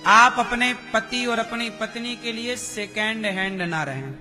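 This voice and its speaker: A man giving a religious discourse, slowly questioning his listeners and acting out quoted speech. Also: high voice, over music. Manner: slow, questioning the audience, acts out quoted speech. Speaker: preacher.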